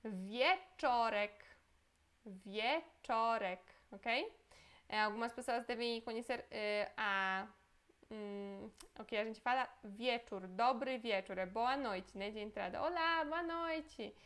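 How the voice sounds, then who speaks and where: Slow-spoken woman. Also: medium pitch, fairly even intonation, a bit bright, clean tone. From Poland. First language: Polish. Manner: says each name slowly twice, then explains in quick asides. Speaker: Polish language teacher. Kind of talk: language lesson, reading words aloud and explaining.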